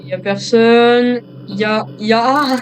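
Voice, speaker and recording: A man's voice: very high-pitched, little pitch movement, moderate pace, over music. A male gamer doing joking commentary on a horror game, talking to himself and to viewers as he plays.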